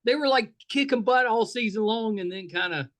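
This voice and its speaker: This podcast host's voice is high-pitched and fairly bright, and he talks fairly quickly. He's in a casual interview chat with his guest, coming across as friendly, chatty and self-deprecating.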